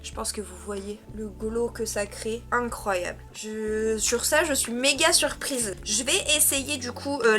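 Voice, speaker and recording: A woman's voice: on the high side, fairly bright tone. A young woman from France in a casual makeup vlog, talking in a chatty way with many hesitations while she applies products. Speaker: beauty vlogger.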